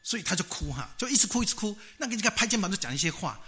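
Lively male preacher with a bright, slightly high voice. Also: rapid-fire. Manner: lively storytelling, rhetorical questions. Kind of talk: storytelling sermon.

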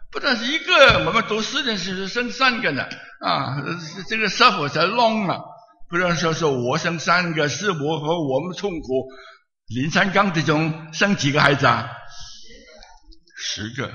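A man preaching a sermon as a pastor, telling stories in a lively way and chuckling now and then. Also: on the high side. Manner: animated, chuckling storyteller. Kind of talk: storytelling sermon. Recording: echoey hall, slightly muffled.

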